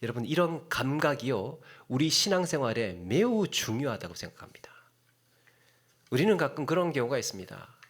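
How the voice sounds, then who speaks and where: A middle-aged man preaching a sermon as a pastor, telling a story with sudden hushed drops and sharp rises for emphasis. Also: medium pitch, sing-song, fairly quick, slightly rough.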